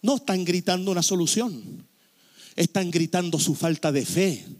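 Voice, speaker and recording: A middle-aged pastor preaching a sermon emphatically, full of repetition and rhetorical questions. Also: male voice, high-pitched, animated, moderate pace, darkish tone.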